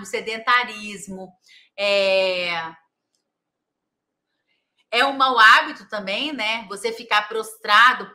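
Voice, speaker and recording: Brief: female physiotherapist, casual instructional chat, crisp bright tone. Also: a little high. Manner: chatty, tags phrases with "né?" and "tá?". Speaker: physiotherapist and caregiver educator.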